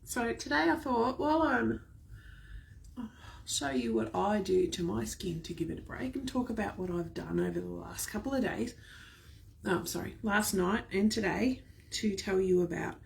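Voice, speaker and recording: A woman's voice: medium pitch, moderate pace, gravelly, a little hiss or hum. A woman hosting a chatty, gushing live skincare demonstration from home, filmed by a camera set some distance away. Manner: chatty, gushing, addresses viewers fondly. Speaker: skincare product seller.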